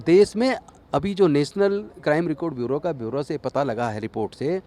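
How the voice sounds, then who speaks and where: A politician gives a statement to a news reporter in a noisy outdoor urban interview, speaking earnestly and emphatically in phrases. His voice is mellow and on the high side, and he talks fairly quickly.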